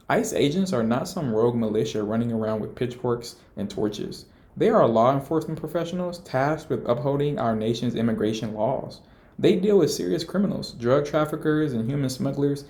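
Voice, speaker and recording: A man's voice: mid-range voice, warm tone. Indignant man narrating political commentary. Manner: indignant, emphatic, mocking.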